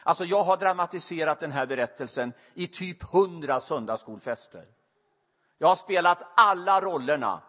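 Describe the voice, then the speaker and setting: A man's voice: on the high side, fairly bright tone. A middle-aged man preaching a sermon, telling a personal story in a confessional way that grows emotional. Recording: long reverb of a large hall.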